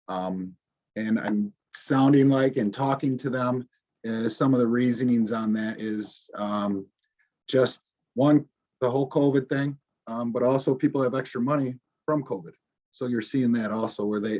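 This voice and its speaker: Through a dull, muffled recording comes a man's medium-pitched, mellow voice. He's a police officer walking a community audience through slides, talking informally and often restarting or saying "um."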